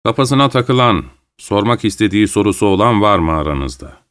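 A man voicing a big burly man in overalls who calls a roll in a loud, commanding, businesslike way. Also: lowish voice, lively intonation, brisk. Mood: brisk.

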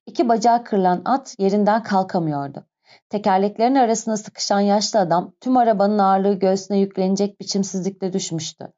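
A woman narrating an audiobook in a calm, even storytelling manner. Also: mid-range voice, normal speed. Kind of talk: scripted narration. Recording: dull lo-fi recording.

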